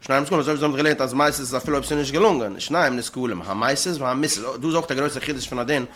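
A man in a religious law study session, reasoning aloud in a halting way and repeating words as he thinks. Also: mid-range voice, a bit bright. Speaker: study partner. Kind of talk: religious text study discussion.

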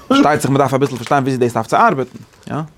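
A man teaching a Torah class in a casual lecturing way, often rising to high emphatic peaks. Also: big pitch swings, quick pace, noisy background. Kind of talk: Yiddish-flavored Torah class.

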